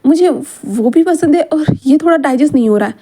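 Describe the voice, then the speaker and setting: A woman with a high, soft voice plays a stubborn, flustered young man from a read-aloud fan story. He protests and trips over his words, half playful and half embarrassed. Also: lively intonation, fairly quick. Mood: flustered, protesting. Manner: protesting, stammering.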